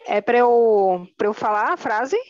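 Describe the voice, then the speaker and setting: A woman with a Brazilian Portuguese accent, a native Portuguese speaker, answering hesitantly as a student in an online Spanish class. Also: fairly high pitch. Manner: hesitant, unsure, halting. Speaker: language student. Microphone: video call. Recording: dry lo-fi call audio.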